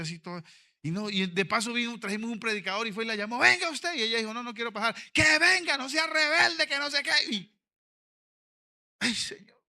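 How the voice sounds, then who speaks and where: Fervent, bright-voiced male pastor. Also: high voice. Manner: animated preaching, swinging from quiet storytelling to fervent shouting. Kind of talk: sermon. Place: convention auditorium.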